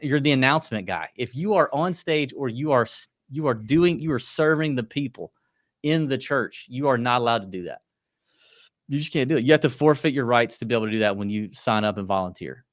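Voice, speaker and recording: A podcast host in his late thirties with an ordinary mid-range male voice. He rambles through animated rants full of false starts and asides. The sound is close and dry. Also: mid-range voice, normal speed, dry recording. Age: 30s. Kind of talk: casual chat.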